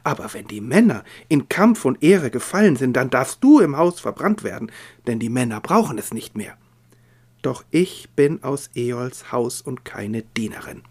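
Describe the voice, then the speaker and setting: A man reading aloud as a proud, defiant young noblewoman, his voice rising in pitch and force. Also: lively intonation, moderate pace, darkish tone, husky. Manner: impassioned, raised pitch and volume.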